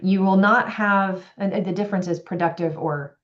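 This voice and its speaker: Animated woman executive coach, lo-fi. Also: medium pitch, moderate pace. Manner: animated, acts out quoted voices. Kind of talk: podcast conversation. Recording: dull lo-fi audio.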